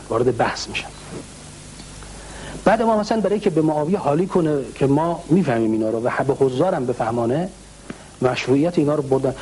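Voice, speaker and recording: A man, a religious scholar, explaining historical accounts in answer to a question, often clearing his throat and slowing down to recite Arabic quotations. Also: on the high side, dark tone, poor audio.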